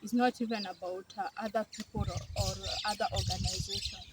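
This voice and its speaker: A young woman from South Sudan, a student in her twenties, answers interview questions earnestly and hesitantly. She sits far from the mic, which makes her sound distant. Loud background noise runs under her voice. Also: mid-range voice, fairly even intonation, a little fast. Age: 20s. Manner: earnest, hesitant with frequent uh fillers. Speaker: student guest.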